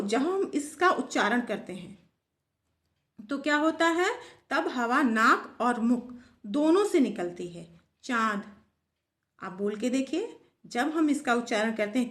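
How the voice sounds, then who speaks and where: A woman with a fairly high voice teaches a grammar lesson. She poses questions to her pupils and answers them herself in a repeating drill. Her voice rings in an echoey room.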